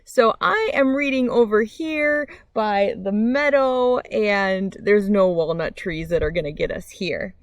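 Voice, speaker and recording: A friendly read-aloud host sits outside near a meadow, mixing casual chat with a simple reading of a children's picture book. She speaks at a measured pace in a mid-range voice, pausing little, on a dry recording.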